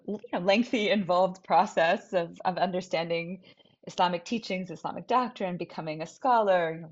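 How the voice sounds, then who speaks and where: A woman from New Hampshire, a scholar and teacher, reflecting thoughtfully on her path, pausing and restarting as she searches for words. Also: lowish voice. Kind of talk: reflective personal talk. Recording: dull lo-fi recording.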